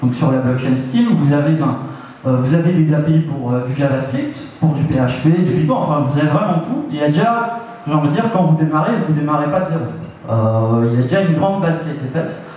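A man's voice: on the high side, expressive, quick pace, mellow, recorded from a distance. Young man, hesitant talk, echoey room. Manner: hesitant, many fillers and restarts. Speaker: meetup speaker. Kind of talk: presentation talk. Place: meeting room with audience. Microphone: handheld microphone.

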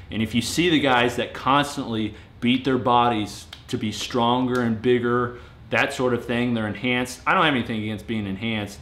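A male vlogger in his late twenties reviews home gym gear, talking casually to camera in an indoor garage gym. His mid-range voice is fairly bright, and he is sincere, earnest, and plainspoken, with fillers and restarts. The garage gives a roomy echo with faint noise.

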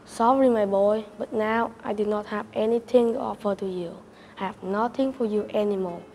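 A gentle old apple tree, put on by a woman reader speaks softly and sorrowfully. The voice is mellow and fairly flat, picked up from some distance in a storybook reading. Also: medium pitch, normal speed, slight background noise, lightly acted. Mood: penitent. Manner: soft, apologetic.

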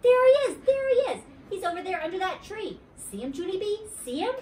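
Woman doing a hyper little storybook girl, high and jumpy, echoey room. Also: moderate pace, distant mic, a little hiss or hum. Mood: excited. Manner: breathless, excited calls. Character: eager excitable little girl classmate. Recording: roomy, away from the mic.

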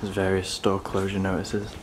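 A man giving casual, low-key commentary while walking through a large abandoned shopping centre, thinking aloud with pauses. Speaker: urban explorer. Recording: steady background noise.

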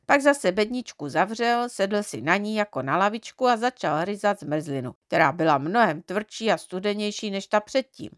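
A woman's voice: medium pitch, animated, hardly any pauses, no echo, clean studio sound. Woman reading a storybook aloud. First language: Czech. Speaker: audiobook reader.

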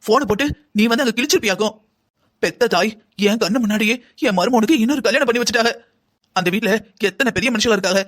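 A voice actor playing an angry middle-aged mother in a cartoon drama, scolding in a rapid-fire way. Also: fairly high pitch, close to an everyday voice. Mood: grieving. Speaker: bride's mother.

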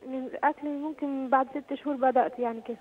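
A woman's voice: high voice, fairly even intonation, racing. A woman with an Egyptian Arabic accent calling in as a mother, describing her son's symptoms with concern over the telephone. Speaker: caller, mother. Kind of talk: phone-in question. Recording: tinny phone line.

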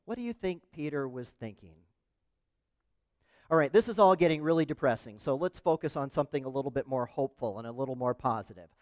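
A man with a fairly high voice preaches in a church, telling a story and pausing to question his listeners. His voice is close and dry on the mic, yet a long hall reverb trails behind each phrase. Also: darkish tone. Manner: storytelling, asks the congregation questions. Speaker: pastor. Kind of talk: sermon. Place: church sanctuary.

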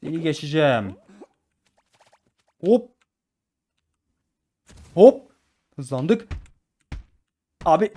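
A man on the high side in pitch commentates his gaming live on YouTube, full of excitement. He chats with viewers as if they were friends, with sudden bursts of repeated words.

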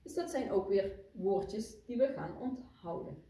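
A woman's voice: mid-range voice, expressive, measured pace, mellow. A woman teaching a vocabulary lesson to young pupils, patient and explaining, recorded in a classroom. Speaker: primary school teacher. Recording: echoey classroom from far off.

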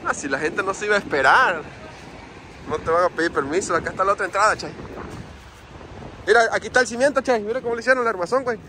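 A man's voice: high-pitched, quick pace, pauses often. A young man with a Mexican accent, casually vlogging outdoors by the sea, slangy and joking as he walks along a border wall. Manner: slangy, joking, talks to viewers while walking. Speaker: vlogger host. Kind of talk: casual on-location vlog. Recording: windy outdoor recording with crashing waves. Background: wind and surf.

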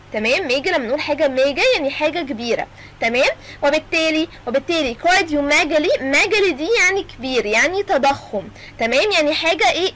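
A woman's voice: high-pitched, a bit bright, slight background noise. A young woman with an Egyptian Arabic accent giving a medical terminology lecture, mixing in English terms and often checking that students follow. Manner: keeps checking understanding with a quick "تمام؟".

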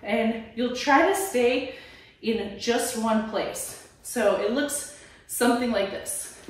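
A woman's voice: on the high side, takes it slowly, slight background noise. A woman fitness trainer coaching a workout at home, encouraging and talking while she moves. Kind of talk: workout instruction. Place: small room at home. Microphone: camera at a distance. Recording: very echoey room, far from mic.

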